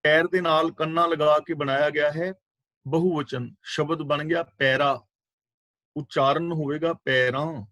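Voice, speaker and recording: A man giving a scripture exposition class on a video call, explaining patiently and repeating key words in a measured way. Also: on the high side, little pitch movement, a bit bright, no room sound. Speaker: Sikh scripture teacher. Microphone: video call microphone.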